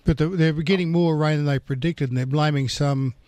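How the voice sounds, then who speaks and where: Radio host, dry studio sound. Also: male voice, on the high side, fairly even intonation, a little fast, darkish tone, no echo. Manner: opinionated, chatty. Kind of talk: casual radio chat.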